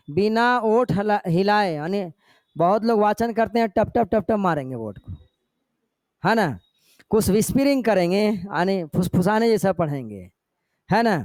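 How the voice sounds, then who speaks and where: High-voiced male Hindi teacher, dry sound. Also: darkish tone, no room sound. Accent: Jharkhand Hindi. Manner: explanatory, checks in with students often. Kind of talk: classroom lecture.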